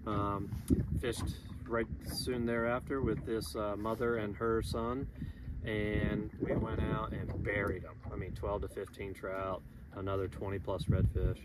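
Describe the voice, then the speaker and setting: Chatty Florida fishing guide outdoors on a boat. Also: male voice, lowish voice, measured pace. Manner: relaxed, chatty, upbeat, many "um"s. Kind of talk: casual monthly fishing report to camera. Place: outdoors on a small boat on a lagoon. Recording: loud wind and water noise on outdoor mic.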